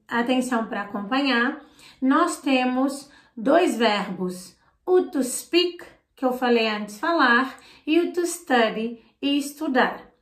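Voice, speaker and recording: Woman language teacher, patient repetition drills, recorded in an echoey room. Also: a little high. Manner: slow, drilled repetition of example phrases. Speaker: English teacher. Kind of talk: online language lesson.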